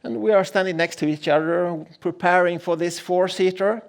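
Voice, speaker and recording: A middle-aged man delivers a conference keynote in a large room. His voice sits fairly high for a man, and he tells stories with dry, self-deprecating humor, stumbling over and restarting his sentences as he goes. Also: moderate pace, gravelly. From Sweden. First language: Swedish. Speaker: keynote speaker.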